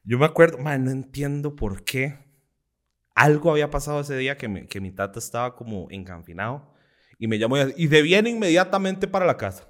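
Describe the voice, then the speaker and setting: Speaking a little fast at medium pitch, this young Costa Rican man is a guest comedian in an interview. He animatedly recounts personal stories, performing quotes with voices and laughing often.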